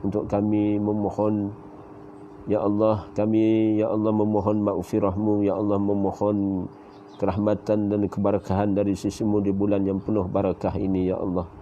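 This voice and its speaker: A Malaysian man with a Malaysian Malay accent leading the closing supplication of a sermon, reciting prayers in a steady chanting flow. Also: on the low side, normal speed. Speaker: religious teacher leading prayer. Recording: muffled lo-fi audio with faint hiss.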